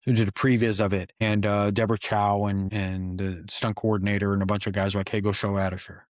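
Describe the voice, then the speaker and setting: A man, a stuntman guest, telling set stories in an excited, animated way and acting out quoted dialogue. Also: on the low side, fast talker, dry recording, studio quality. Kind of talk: animated storytelling interview.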